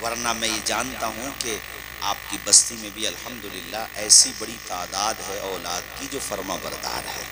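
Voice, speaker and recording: A man giving a sermon to a live gathering, rising into loud impassioned calls and prompting the audience to answer back. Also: on the low side, fairly even intonation, very noisy. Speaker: preacher.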